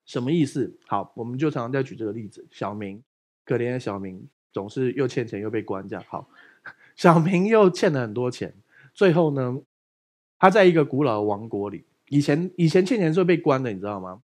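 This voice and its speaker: Animated husky Taiwanese pastor. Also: male voice, mid-range voice, fairly quick. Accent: Taiwanese Mandarin. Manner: joking, animated, asks listeners rhetorical questions. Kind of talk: casual sermon.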